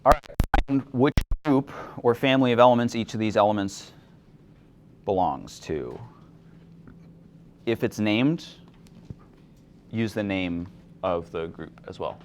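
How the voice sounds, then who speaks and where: A young man teaching a chemistry class, explaining things in a relaxed way and asking students questions. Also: fairly low pitch, measured pace, long pauses, a little hiss or hum. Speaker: chemistry instructor. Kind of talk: classroom lecture.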